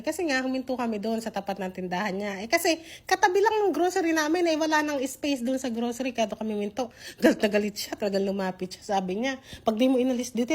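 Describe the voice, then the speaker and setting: Chatty Filipina woman vlogging from a car, voice a little higher than usual, laughs easily. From Philippines. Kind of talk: casual vlog narration. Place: inside a car.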